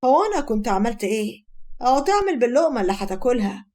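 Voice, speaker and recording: A woman's voice: fairly high pitch, very animated, very fast, a little mellow. A woman voicing a firm young Egyptian husband who gives orders to his wife and mother-in-law. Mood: commanding. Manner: firm, commanding. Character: stern young husband, calm then domineering.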